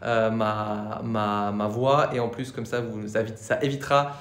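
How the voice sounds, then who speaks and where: Filmed on a tripod in an echoey room with a neon light, a tech vlogger whose first language is French tries out an app for a casual tutorial, talking chattily with frequent fillers. He speaks at a measured pace in a fairly low, fairly bright voice with little pitch movement.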